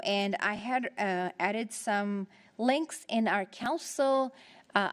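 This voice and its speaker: Woman council president, out of breath, halting report full of fillers. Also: mid-range voice. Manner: halting, many fillers and restarts.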